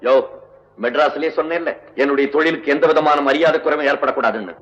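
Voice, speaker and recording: ரோஷமான இசைக்கலைஞன், ஒரு நடிகர் பண்றது, கொஞ்சம் உயர்ந்த குரல், அறை எதிரொலி. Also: male voice, fairly high pitch, fairly bright tone, dull audio, lightly acted. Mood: defiant. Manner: proud, quick to anger, emphatic. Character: proud, hot-tempered male nadaswaram master. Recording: roomy old film soundtrack.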